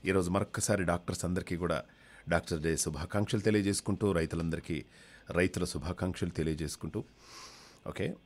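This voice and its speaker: Brief: low-voiced chatty radio jockey, comic storyteller. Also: male voice, steady tone, quick pace. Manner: joking, chatty.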